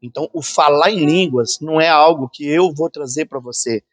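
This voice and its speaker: Fervent male pastor, slightly high voice, preaching live with music clearly audible underneath. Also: moderate pace. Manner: fervent preaching, acts out quoted voices and sounds. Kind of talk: sermon. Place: church conference hall. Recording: sermon with music playing underneath.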